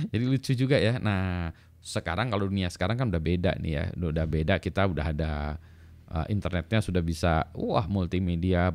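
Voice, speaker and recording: A middle-aged man with a fairly low voice, talking casually to camera in a solo video. He rambles and often laughs at himself, and he spells words out letter by letter. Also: darkish tone. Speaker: lecturer in electrical engineering.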